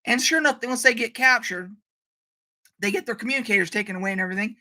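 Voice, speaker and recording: A woman's voice: on the high side, fast, pushed and bright. A woman hosting a casual live stream, ranting animatedly, swearing freely and reading out viewer comments. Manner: reads out viewer chat comments.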